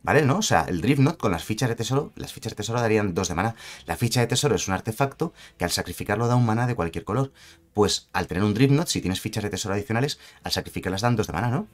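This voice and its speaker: A man's voice: on the low side, animated, fast talker, faint music behind. A man from reviewing game cards in a chatty, self-correcting way, often asking "¿vale?" to his viewers. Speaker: card game content creator. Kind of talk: casual card review commentary.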